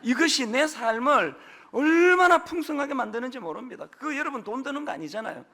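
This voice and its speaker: Lively, bright-voiced pastor in his fifties. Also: very high voice, a little fast. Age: 50s. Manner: humorous, conversational preaching with playful asides. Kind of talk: sermon. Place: church sanctuary.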